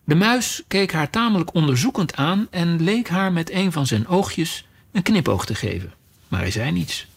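A man narrating a storybook with a lively, expressive reading. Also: fairly high pitch, normal speed, gravelly, husky.

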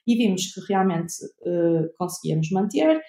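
A young woman with a European Portuguese accent explains her research in an interview. She talks hesitantly, full of fillers and restarts. Her voice sits a little low and carries a roomy echo. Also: big pitch swings, normal speed, mellow. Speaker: researcher guest. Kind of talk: interview answers.

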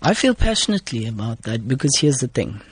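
A man's voice: medium pitch, big pitch swings, fast, husky, no echo. A man with a South African Indian accent answering interview questions in an earnest, emphatic, conversational way. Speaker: comedian and actor being interviewed.

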